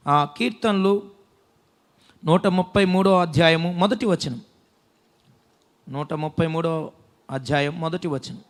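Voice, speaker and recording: A man's voice: a little high, unhurried, pauses often. A man with a Telugu accent, a pastor preaching a sermon in a church and reading scripture lines aloud for the congregation to repeat. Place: church hall.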